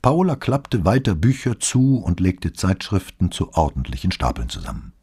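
A man reading a novel aloud as audiobook narrator, with expressive storytelling delivery. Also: sits low, moderate pace, slightly rough. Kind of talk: scripted narration.

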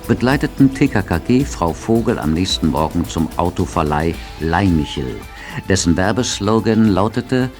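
A man narrating a radio drama in a measured storytelling manner. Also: sits low, lively intonation, a little mellow. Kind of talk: scripted narration. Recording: narration over music.

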